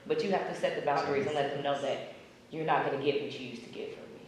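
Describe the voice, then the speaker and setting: Guy giving calm advice in a group, higher voice, echoey far off. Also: fast, slight background noise. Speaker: class participant. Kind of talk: casual group discussion. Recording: echoey room from a distance.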